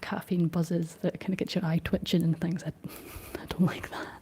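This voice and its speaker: Viewer comments get a gentle, unhurried reply from this young Scottish ASMR streamer, who whispers throughout. She has a deep voice for a woman, breathy at the edges with little pitch movement, and a slight frog in her throat.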